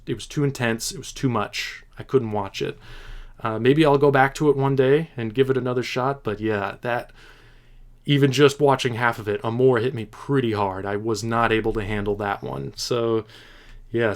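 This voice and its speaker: A man hosting a casual film chat, answering viewer questions in a halting, thoughtful way with frequent restarts, and keen on the films he talks about. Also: mid-range voice. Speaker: host.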